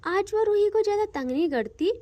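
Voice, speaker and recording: A woman narrating a romantic audio story in an expressive, emotive storytelling manner. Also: very high-pitched, fairly quick, no echo.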